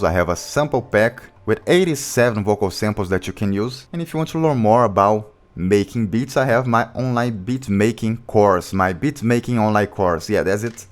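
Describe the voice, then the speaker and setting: In this casual screen-recorded tutorial, a low-voiced music producer plainly walks through beatmaking step by step, speaking English with slightly non-native grammar over background beat music.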